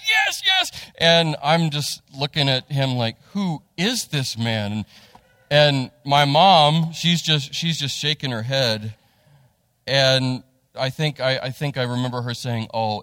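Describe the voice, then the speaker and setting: A man's voice: fairly high pitch, dry recording, long reverb tail. A pastor telling a family story in a sermon, acting out the people he quotes before turning to scripture. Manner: animated storytelling, acts out quotes.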